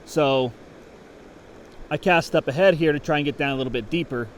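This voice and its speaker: Outdoors at a creek, a man with a slightly high voice speaks at normal speed, explaining fly fishing technique as he fishes. It's casual, on-the-water instruction where he thinks aloud, and the recording carries a little hiss or hum.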